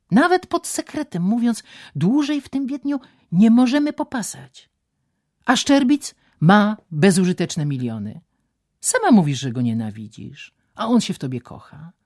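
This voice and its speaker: A woman's voice: mid-range voice, darkish tone, dry recording, studio quality, voice pushed up. A woman voicing a male swindler who coaxes and then threatens, in a spoken storybook reading. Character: menacing male swindler, coaxing then brutal.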